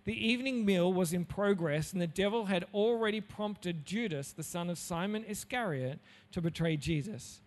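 A man preaching in a high voice, animated and jokey, with plenty of playful asides. His voice carries a long reverb from a large hall. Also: normal speed. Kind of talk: Bible talk for young listeners.

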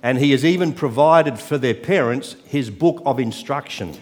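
An older man with an Australian accent, preaching as a guest pastor in short phrases that leave pauses for an interpreter, with light humour. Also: medium pitch, a little mellow. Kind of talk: sermon with live interpreter. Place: church sanctuary. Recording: reverberant church hall.

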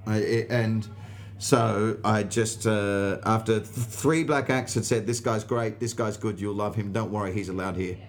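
With a voice on the low side and fairly even intonation, an Australian comedian recounts stories a little slowly while being interviewed. The anecdotes come out casual, sweary and emphatic, with the dialogue acted out.

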